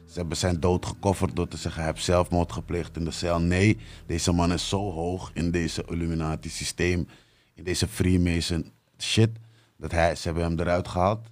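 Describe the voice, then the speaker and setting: A man's voice: low voice, flat delivery, moderate pace. A man talking as a podcast guest in casual chat, insistent, often cutting in with repeated calls to listen. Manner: insistent, talks over the host.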